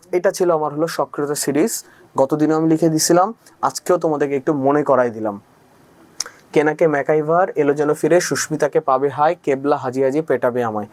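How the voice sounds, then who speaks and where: A man teaching a chemistry class on video. He chants a memory rhyme, asks questions and answers them himself, and keeps checking "okay?". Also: a little high. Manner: casual, mixes in English words and keeps asking "ঠিক আছে?". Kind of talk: recorded video lecture.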